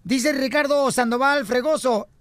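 A man's voice: extremely high pitch, a little slow, fairly bright tone, no room sound. A man with a Mexican accent hosting a radio morning show, playful and teasing, laughing often.

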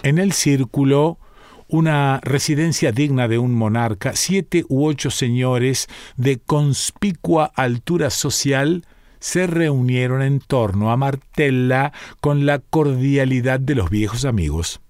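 A man narrating a short story in a measured storytelling manner. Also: mid-range voice, darkish tone, dry recording, studio quality. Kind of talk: scripted narration.

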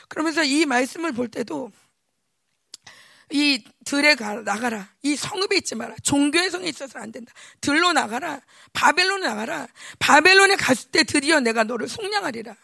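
Woman preacher, middle-aged, bright and sharp in a dry, close sound, fervent sermon delivery. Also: sits high, gravelly, no room sound. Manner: impassioned, shifting between loud pleading and hushed whispers. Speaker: pastor's wife preaching.

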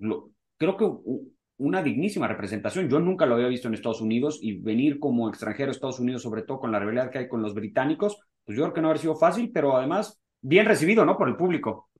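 A man's voice: mid-range voice, animated, quick pace. A man co-hosting a casual golf podcast, talking in long rambling sentences full of fillers. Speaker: podcast co-host.

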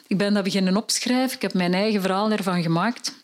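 A middle-aged woman with a Flemish accent, an author telling stories in a lively, chatty way with fillers. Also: mid-range voice, fast talker. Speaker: author and storyteller. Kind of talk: live storytelling talk.

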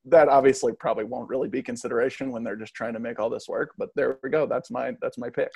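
A man's voice: mid-range voice, fairly even intonation, quick pace, vocal fry, a little mellow, breathy edge. A young adult man co-hosting a sports podcast, easygoing, thinking aloud in casual chat.

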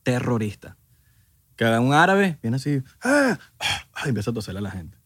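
A man's voice: medium pitch, big pitch swings, very fast, a bit bright, breathy edge, dry recording. A young man with a Cuban Spanish accent, co-hosting a podcast in joking, slangy casual chat. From Cuba. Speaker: podcast co-host.

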